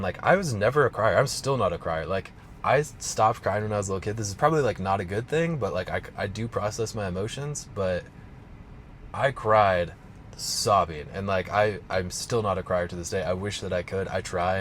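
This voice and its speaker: A man with a low, deep voice tells a personal story in an unscripted, rambling way, leaning on "like" and restarting his sentences. He sounds like a coach talking straight to camera. A faint hum of room noise sits behind him. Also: normal speed, a bit bright. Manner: casual, rambling, heavy use of "like". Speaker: strength coach.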